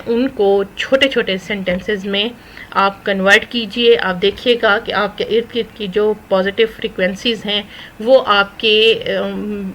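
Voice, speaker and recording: A woman teaching an English lesson in Urdu, reading English phrases slowly and explaining each one. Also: mid-range voice, bright, forceful tone, a little hiss or hum, low-quality recording. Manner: mixes English words into Urdu. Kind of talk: recorded spoken English lesson.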